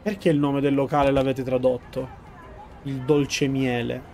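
A man's voice: medium pitch, flat delivery, moderate pace, a little mellow, slight background noise. A man giving let's play commentary on a video game, chatty and often correcting himself mid-sentence. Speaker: gaming video host.

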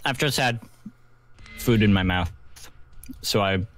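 A man's voice: fairly low pitch, slow pace, fairly bright tone, a little hiss or hum. A man giving short, laconic replies during a casual podcast while gaming.

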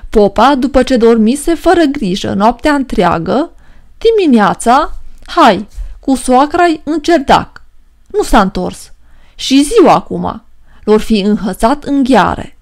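Expressive woman reading a verse tale. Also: fairly high pitch. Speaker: narrator. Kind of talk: storybook narration of a filmstrip.

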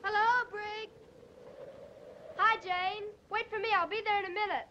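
A woman's voice: extremely high pitch, steady tone, measured pace, muffled recording. An actress playing a sarcastic, teasing teenage girl in a 1940s film. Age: teens. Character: cheeky teenage younger sister, teasing. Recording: noisy old film soundtrack.

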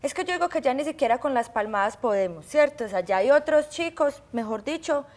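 A woman with a fairly high voice co-hosts a talk show. She speaks to the audience in a familiar, folksy manner. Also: lively intonation, a little fast. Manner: warm familiar address, folksy. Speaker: co-host. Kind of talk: lively talk show hosting.

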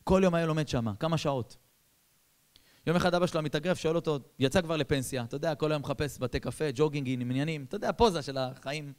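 Rabbi guy telling a story in a sermon, kinda high voice, goes loud then quiet. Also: clean tone. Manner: lively storyteller, acts out dialogue, swings between loud bursts and hushed asides.

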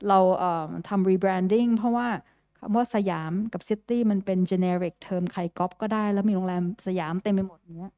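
A woman lecturing over her slides in a relaxed, conversational way, often restarting her sentences and filling pauses. She slips English terms into her speech. Her voice sits at an ordinary middle pitch and sounds dry, with no room echo. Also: highs cut off. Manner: chatty, mixes in English terms, frequent fillers and restarts. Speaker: guest lecturer.

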